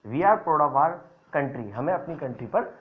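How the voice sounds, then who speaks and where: A man's voice: a little high, lively intonation, takes it slowly. Guy teaching english, patient, repeats examples, muffled lo-fi audio. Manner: explains patiently, repeating examples, mixing English phrases into Hindi. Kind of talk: classroom lesson.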